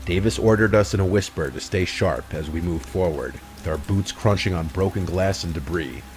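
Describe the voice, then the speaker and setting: Deep-voiced man narrating horror stories. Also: normal speed, darkish tone, faint music behind.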